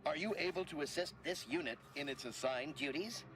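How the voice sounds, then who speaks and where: A man's voice: fairly high pitch, fairly quick, fairly bright tone, a little hiss or hum. An actor playing a malfunctioning male medical robot booting up, stiff and formal, calling itself this unit. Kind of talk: video game dialogue. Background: game music.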